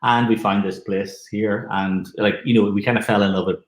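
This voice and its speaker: A man's voice: fairly low pitch, fairly even intonation, normal speed. A man, a musician guest telling anecdotes in a casual interview. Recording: roomy, echoing sound.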